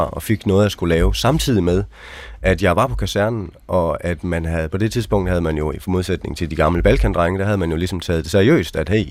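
A man's voice: low-pitched, dry recording. A man, an army veteran, telling his experiences as an interview guest in a frank, conversational way, often tagging sentences with questioning asides. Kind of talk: casual storytelling.

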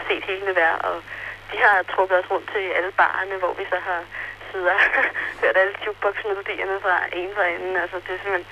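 A teenage girl chats down a telephone line about her trip, full of hesitations and fillers. Her voice is bright and clear-toned. Faint hiss sits under the line. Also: medium pitch. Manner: hesitant, many fillers, chatty. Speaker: interrailing traveler on the phone. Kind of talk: phone interview.

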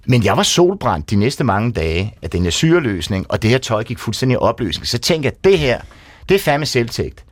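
A Danish man telling a wild personal story on a radio show. His pitch swings up and down as he talks. The voice is close and dry, with no room sound. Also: no room sound. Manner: lively storyteller, acts out shouting people. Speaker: guest storyteller. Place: radio studio.

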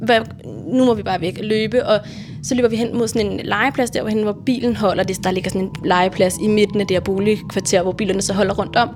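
A woman telling a personal story for radio, lively and swearing, acting out her own shouted lines. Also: mid-range voice, background noise. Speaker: storyteller recounting a hitchhiking trip. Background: music under the voice.

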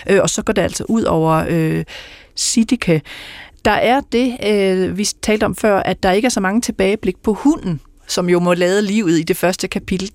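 A woman hosts a radio book program in a hesitant way, filling pauses as she goes. Her voice sits at an average pitch, recorded dry and close in a studio. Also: a little mellow, no echo. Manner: hesitant, many fillers. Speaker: radio host.

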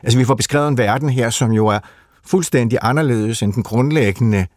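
A man's voice: medium pitch, a little mellow, dry recording, studio quality. A man explaining a literary subject in a conversation, thoughtful and hesitant, with many fillers and restarts. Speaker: literature expert guest.

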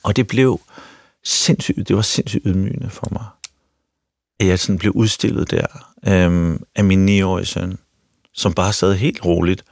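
A middle-aged man with a very low, gravelly voice shares a personal story on a talk show. He speaks frankly and openly, often circling back and restarting his sentences. The sound is dry and close on a studio mic. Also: steady tone, darkish tone, no echo. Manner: frank, self-revealing, with repeated restarts. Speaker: actor and radio show host.

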